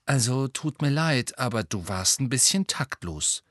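A patient, know-it-all teenage girl witch, as a male audiobook reader puts her on. She talks slowly and explains everything with exaggerated patience, pitched above the reader's own voice. Close, dry recording. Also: animated, a bit bright, dry recording.

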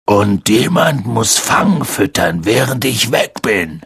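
A man voicing a huge, rough, hot-tempered gamekeeper who blurts and blusters in an audiobook reading. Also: fairly low pitch, lively intonation, slow, fairly bright tone, dry recording, studio quality, exaggerated voice. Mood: gruff.

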